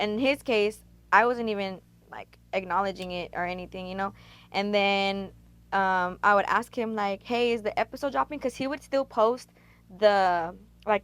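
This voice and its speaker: A young woman from Texas chats through a casual interview in a relaxed, slangy way. She cusses freely and tells her stories at an easy, unhurried pace. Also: medium pitch. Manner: laid-back, slangy, profane storytelling. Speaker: rapper and guest.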